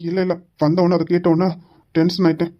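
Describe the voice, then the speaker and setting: A stern young policeman husband, played by a woman who lectures firmly and fast. The voice is lowish for a woman and quick-talking. Amateur family drama. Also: level tone, muffled recording, lightly acted. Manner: firm, lecturing, shouts for his wife.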